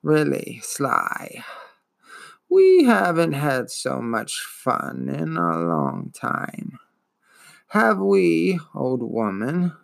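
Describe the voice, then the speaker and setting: A man voicing an ancient, weary female giant turtle who speaks in a slow, gloomy, wheezing drawl. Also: a little high, gravelly, fairly bright tone, pitched above the performer's own voice, full character voice.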